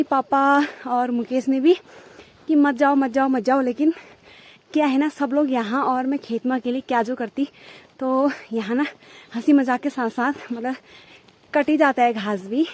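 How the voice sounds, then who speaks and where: On the high side in pitch, a woman from the Kumaon hills of Uttarakhand chats with viewers as she strolls village paths and roads outdoors. She's a village vlogger whose casual walking narration treats the audience as friends.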